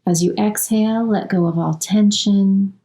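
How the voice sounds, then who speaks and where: A woman acting as a yoga nidra guide speaks with a mellow, mid-range voice and fairly even intonation. Her calming instructions come in short, slow phrases with long pauses.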